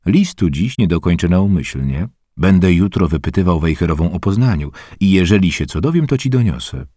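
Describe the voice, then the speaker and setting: A man reading an old personal letter aloud in a conversational, expressive way. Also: deep voice, fairly quick, no echo, clean studio sound.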